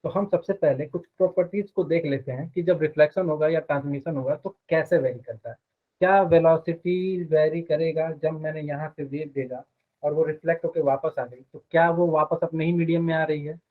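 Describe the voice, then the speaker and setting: A man's voice: on the high side, steady tone, a little fast. A man teaching physics in a live online class. He explains step by step and keeps asking the students short questions. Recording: phone-like narrow sound.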